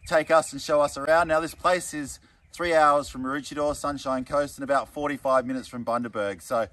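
Recorded dry on a camera mic a few metres off, with faint outdoor sounds, this Australian vlog host in his thirties speaks a little fast in a fairly high, bright, steady voice. Out at a riverside bush camp, he keeps things upbeat, chatty and enthusiastic, calling people "mate."

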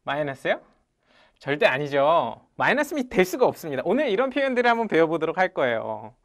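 In a lecture room full of people, an energetic English teacher calls out drills for the room to echo, loudly repeating phrases and praising correct answers. The voice sits in the mid range and moves at a quick pace.

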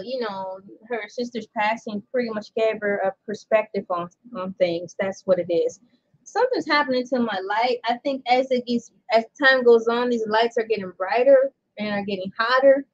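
Her voice is a little high and the recording is muffled. Indoors under bright lights, she vlogs casually, rambling, chatting, laughing frequently and reading an article aloud.

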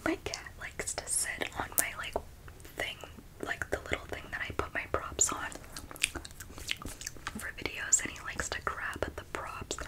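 Woman in her twenties, whispered role-play, ASMR personal attention, breathy whisper, tingly mouth sounds, close mic. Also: measured pace, long pauses, rough recording. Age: 20s. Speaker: ASMR host. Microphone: close microphone, intimate framing.

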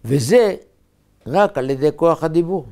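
Rabbi giving a measured Hebrew-style sermon. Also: male voice, fairly high pitch, expressive, mellow. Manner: measured teaching with short emphatic phrases.

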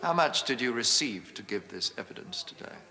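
An actor playing a shrewd male defense barrister in a period film, questioning a witness with mock politeness that rises to loud demands. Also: medium pitch, big pitch swings, a little fast, heavily acted. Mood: probing.

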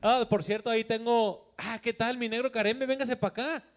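A man cohosting a comedy talk show with a very high voice. He jokes around in a laid-back way and keeps the chat loose. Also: fairly even intonation, normal speed, loud music behind the voice.

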